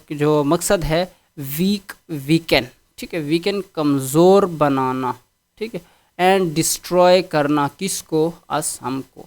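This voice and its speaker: A man teaching English, going through a text line by line and patiently repeating each meaning. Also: a little high.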